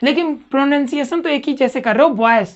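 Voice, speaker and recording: High-voiced woman teaching grammar. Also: a little fast, lo-fi sound. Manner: questioning, checks understanding often. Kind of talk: classroom grammar lesson.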